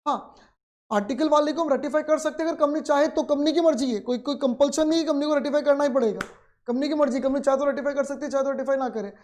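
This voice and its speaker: A male teacher giving a class lecture, reading textbook lines slowly and then explaining them again in his own words, often repeating points. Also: very high-pitched, darkish tone. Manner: repeats and rephrases points for students.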